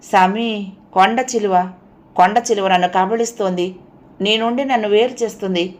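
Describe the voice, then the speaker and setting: A woman voicing a frightened, devoted family man shaken by a nightmare, pleading and agitated, her voice raised and louder. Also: fairly low pitch, steady tone, normal speed, natural voice. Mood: fearful, pleading.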